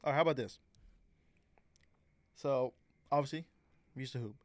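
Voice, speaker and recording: A young man co-hosting a casual chat, slangy and animated, acting out voices in his stories. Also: mid-range voice, moderate pace, no room sound. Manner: animated storyteller, slangy, acts out quotes. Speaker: co-host.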